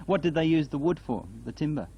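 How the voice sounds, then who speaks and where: A man interviewing someone casually, asking gentle questions and often acknowledging the answers. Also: a little high, animated, fast. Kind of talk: casual oral history interview. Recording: dull, noisy field interview tape.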